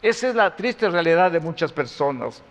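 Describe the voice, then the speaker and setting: A male pastor preaching a sermon, moving between loud emphasis and quiet intensity. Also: fairly high pitch, sing-song, moderate pace, long reverb tail.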